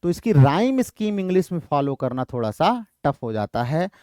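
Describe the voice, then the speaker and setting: A male literature teacher giving an exam-prep lecture. He keeps asking his students questions and then answers them himself, reads the English options slowly, then explains them quickly. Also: on the high side, sing-song, a little mellow, clean tone, dry recording, clean studio sound.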